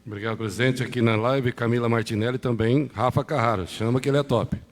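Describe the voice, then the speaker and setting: A man with a Brazilian accent from Paraná, moderating a public hearing with quick, offhand asides. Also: mid-range voice, fairly even intonation. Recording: reverberant chamber, off-mic.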